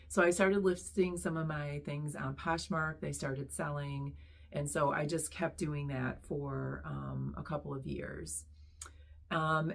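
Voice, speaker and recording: A middle-aged woman, hoarse after losing her voice, chatting casually as she introduces her reselling channel with many pauses and ums. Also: sits low. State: hoarse, recovering lost voice. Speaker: online reseller, channel host.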